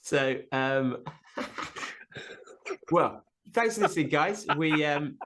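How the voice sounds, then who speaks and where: A man's voice: fairly high pitch, animated, very slow, background noise. A man co-hosting a podcast, easygoing and a bit hesitant, with dry teasing humor. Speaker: podcast co-host. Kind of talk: casual chat.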